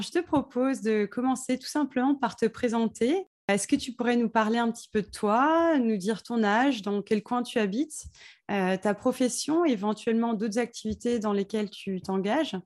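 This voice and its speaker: A woman hosting a podcast interview, reading a measured scripted introduction and asking questions. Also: on the high side, a little mellow. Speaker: podcast host.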